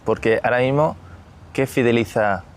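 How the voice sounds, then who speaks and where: A man hosts a business interview podcast, rambling through restarts and asides before he finally reaches each question. He speaks at a medium pitch and normal speed.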